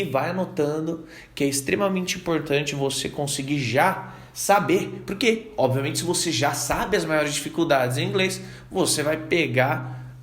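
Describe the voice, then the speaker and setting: A man's voice: fairly high pitch, a bit bright, reverberant. A man with a Brazilian Portuguese accent teaching English pronunciation in a casual, chatty way, often checking in with the listener. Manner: chatty, keeps asking "tá?", drills words slowly. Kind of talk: casual online English lesson.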